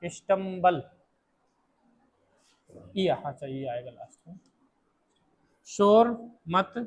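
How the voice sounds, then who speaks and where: In a rough recording, a man with a fairly high, darkish voice and a Hindi accent runs a classroom English lesson. He moves slowly, repeats his points and keeps drilling students with questions.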